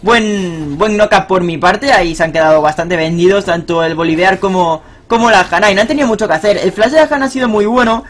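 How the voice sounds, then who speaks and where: Excitable young Spaniard commenting gameplay. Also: male voice, sits high, brisk, few pauses. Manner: excitable, swears and shouts on big plays. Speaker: gaming streamer.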